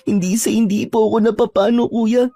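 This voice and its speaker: A young aswang in hiding, polite and frightened, pleading in an even, flat tone, as a woman acts it out. Her voice is dark and mellow, and faint music plays beneath the horror-story telling. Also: fairly high pitch, a little fast. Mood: earnest pleading. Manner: respectful, earnest, soft-spoken pleading.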